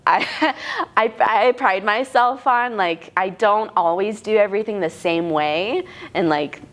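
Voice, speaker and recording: Appearing as a guest in an interview, this twentysomething actress from Tucson, Arizona, talks at a measured pace in a medium-pitched voice. She sounds hesitant and casual, restarting sentences, using plenty of fillers, and laughing frequently.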